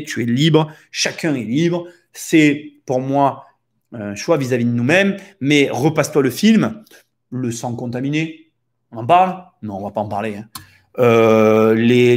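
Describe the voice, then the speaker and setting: A man's voice: medium pitch, darkish tone. A man hosting a real estate podcast, speaking in a casual, opinionated monologue with rhetorical questions and frequent hesitations. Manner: hesitant, many fillers and restarts, rhetorical questions.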